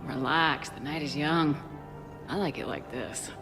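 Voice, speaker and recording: A woman playing a relaxed, wry female military commander in video game dialogue. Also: low voice, unhurried, long reverb tail, over music. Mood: easygoing.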